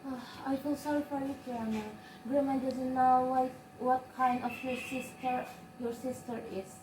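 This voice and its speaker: A woman's voice: high-pitched, flat delivery, moderate pace, lightly acted. A young woman with an Indonesian accent playing a kindly old grandmother in a school English drama. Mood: sympathetic. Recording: echoey room, noisy background.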